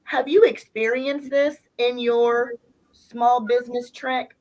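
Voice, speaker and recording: A woman's voice: on the high side, little pitch movement, a little mellow, low-quality recording. A woman hosting a casual interview chat in a playful, slangy way. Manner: playful, slangy, drawn-out emphasis. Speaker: podcast host.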